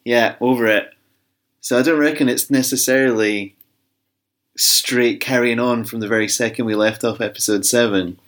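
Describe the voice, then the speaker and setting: A man's voice: mid-range voice, fairly even intonation, moderate pace, fairly bright tone. A man co-hosting a podcast, chatting casually and laying out his fan theories. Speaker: podcast co-host. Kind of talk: casual chat.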